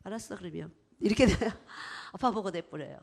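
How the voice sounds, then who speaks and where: Expressive woman preacher, whispers to bursts. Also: medium pitch, normal speed. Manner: swings between soft whispers and loud, emphatic bursts; expressive, acts out little exchanges in her talk. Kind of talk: sermon.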